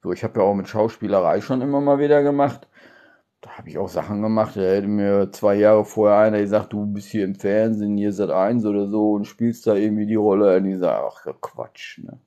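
Casting: middle-aged man, slightly low voice, loose off-the-cuff chat, colloquial and rambling, recorded on a phone indoors. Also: fairly even intonation, brisk, warm tone, dull audio. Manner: rambling, colloquial, often tags phrases with "ne?". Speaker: live streamer who speaks words backwards. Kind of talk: casual, spontaneous chat to camera. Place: small indoor room by a curtained window. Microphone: phone at arm's length.

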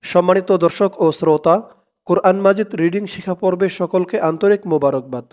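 A man teaching Quran reading in Bengali with a Bangladeshi accent, spelling out words letter by letter and chanting the verses slowly. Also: high-pitched, a little mellow. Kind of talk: slow step-by-step Quran recitation lesson.

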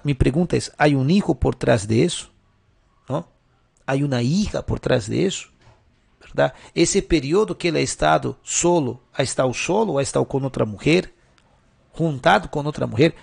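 A man's voice: medium pitch, vocal fry, a little mellow, slightly rough. A middle-aged male pastor giving question-and-answer sermon advice, asking rhetorical questions and tagging his sentences with short checks. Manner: constant tag questions, rhetorical.

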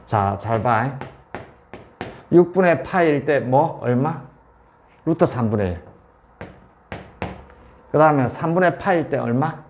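A man's voice: on the high side, a little hiss or hum. A man tutoring calculus at a board, repeating values and checking often that students follow. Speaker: math tutor. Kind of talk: whiteboard calculus lesson.

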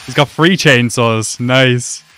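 A young man reacting to an anime episode at home, talking excitedly and exclaiming often. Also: medium pitch, slow, soft background music. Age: young adult. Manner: animated, exclaims and laughs often. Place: small room at home.

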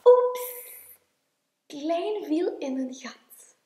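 A woman teacher reading a picture book aloud in an expressive, sing-song way. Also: high voice, slow pace. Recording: echoey room.

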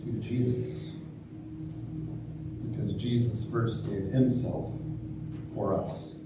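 A man leading a church service, preaching and then chanting the eucharistic prayer in a slow, measured liturgical way, with a heavy cathedral-like echo. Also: lowish voice, steady tone. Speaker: priest. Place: large church. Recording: echoey church from far off, noisy.

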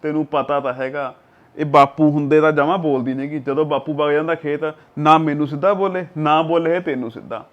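Man playing a calm young husband. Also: on the high side, brisk, highs cut off, natural voice. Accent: Punjabi. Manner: calm, coaxing, uses proverbs. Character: young village husband, calm, advising his wife.

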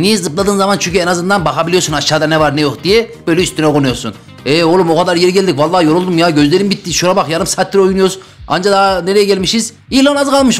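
A young man with a high, quick voice gives running commentary on a game he is playing. He is excitable and chatty, speaking straight to his viewers. Faint game music plays underneath. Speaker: gaming YouTuber. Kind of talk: casual Roblox gameplay commentary.

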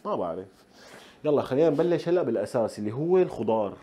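Fast-talking Levantine chef. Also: male voice, medium pitch, very animated, dark tone. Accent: Levantine Arabic. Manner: chatty, speaks straight to viewers, playful asides. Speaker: chef and show host. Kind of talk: casual cooking tutorial.

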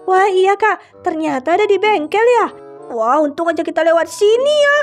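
A calm, polite little sibling, voiced by a woman, answers softly in a somewhat lowered voice. There is faint music behind the role-play drama. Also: normal speed. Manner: soft, polite replies to her sibling.

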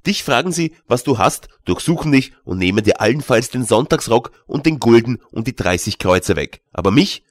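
A man's voice: medium pitch, lively intonation, moderate pace, hardly any pauses, no room sound, close to an everyday voice. A man reading an audiobook, voicing an anxious teenage goldsmith apprentice who turns fiercely indignant. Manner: fearful, then fiercely indignant.

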